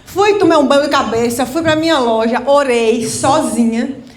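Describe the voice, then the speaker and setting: High-voiced Brazilian woman giving a heartfelt testimony. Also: moderate pace, echoey room. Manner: heartfelt, repetitive storytelling, acting out her own prayers. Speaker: entrepreneur speaking at an event. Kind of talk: personal testimony talk to an audience. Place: event venue.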